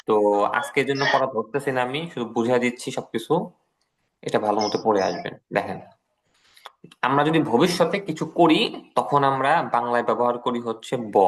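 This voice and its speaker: A man's voice: mid-range voice, a bit bright. A man with a Bangladeshi Bengali accent teaching an English class, patiently repeating each word and translating it. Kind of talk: online class lecture.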